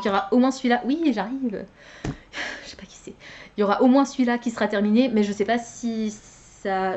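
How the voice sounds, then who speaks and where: A woman's voice: medium pitch, darkish tone, highs cut off. A young woman chatting casually as a book vlogger, hesitant, with many fillers and self-corrections. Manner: laughs at her own slips. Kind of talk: casual chat.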